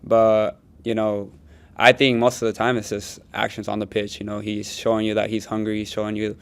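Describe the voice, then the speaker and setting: Male athlete, gravelly low voice, casual press-conference answers. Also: monotone, moderate pace. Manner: casual, plain phrasing with fillers. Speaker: soccer forward at press conference.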